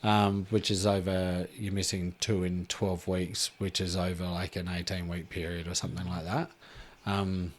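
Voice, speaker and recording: A man, hosting a casual podcast chat in a relaxed, rambling way with lots of fillers. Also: sits low, normal speed, a little hiss or hum. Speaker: podcast host.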